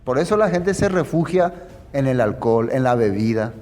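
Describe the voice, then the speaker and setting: A man's voice: medium pitch, expressive, moderate pace, darkish tone, in a large hall, faint music behind. A man teaching a Bible passage in a conversational sermon, often checking with his listeners. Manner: conversational, asks the audience "¿no?" often. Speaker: preacher.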